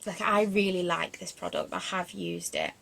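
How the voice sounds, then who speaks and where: A woman's voice: lowish voice, steady tone, normal speed, gravelly, sharp tone. A young woman in her twenties, chatting casually through a beauty product review, rambling with lots of fillers and self-deprecating asides. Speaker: beauty vlogger.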